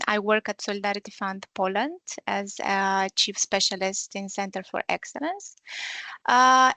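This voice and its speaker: A woman's voice: mid-range voice, a bit bright, no echo. Woman, from Moldova, friendly, brief, video call, dry sound. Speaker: webinar guest, platform ambassador. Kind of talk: self-introduction on a video call.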